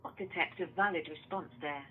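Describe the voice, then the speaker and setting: A woman's voice on an automated phone menu message, reading measured, formal prompts over a phone line. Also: fairly low pitch, a crowd in the background.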